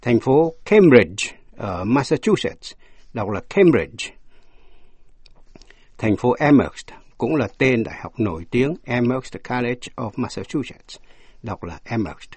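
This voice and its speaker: Slow, husky man teaching radio English. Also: mid-range voice, lively intonation, darkish tone, no echo. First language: Vietnamese. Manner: slow, spells words out letter by letter. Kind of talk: scripted radio English lesson.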